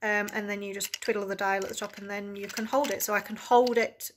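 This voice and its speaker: A young woman talks to a close camera from a hotel bed in a small room. She rambles in a loose, chatty way, stopping to restart her sentences and filling pauses as she goes. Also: medium pitch, fairly even intonation, background noise. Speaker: vlogger. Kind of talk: casual vlog chat to camera. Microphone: camera close in front of her.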